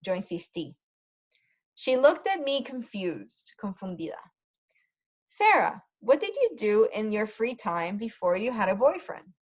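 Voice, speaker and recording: A tutor reads a story aloud slowly for English learners in a sing-song, mid-range voice at a measured pace. She repeats key words carefully and tosses in short Spanish translations, with lo-fi sound throughout.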